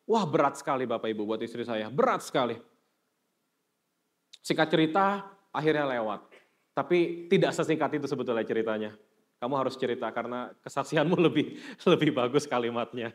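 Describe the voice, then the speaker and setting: A man telling a personal testimony at church in a relaxed, joking way. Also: mid-range voice, fairly quick, pauses often. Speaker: church member giving testimony.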